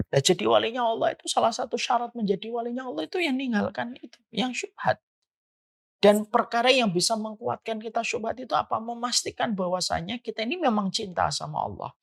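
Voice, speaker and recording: Giving a religious lecture, a preacher speaks in a high, creaky voice. He's animated, his delivery swelling and dropping, punctuated by rhetorical questions.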